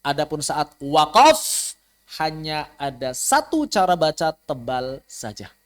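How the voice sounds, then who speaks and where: A man teaching Quran recitation rules in an online class, explaining plainly and chanting example words slowly. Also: fairly high pitch, very animated. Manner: addresses students directly, invites questions. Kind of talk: online tajwid lesson. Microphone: online class recording.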